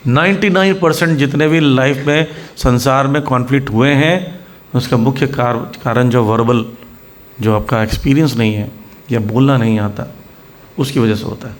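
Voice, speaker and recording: Indian guy preaching at a temple, throws in english words, acts out little scoldings, mid pitch. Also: moderate pace. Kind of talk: Hindi sermon.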